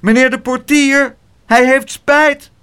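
A man's voice: very animated, normal speed. A man reading a storybook and voicing a polite, eager young boy. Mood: earnest. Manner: eager, raised boyish pitch.

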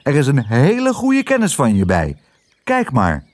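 A man's voice: mid-range voice, wildly swooping pitch, unhurried. A man voicing a cheeky, bossy male crow from a storybook, brusque and given to cawing outbursts. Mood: commanding.

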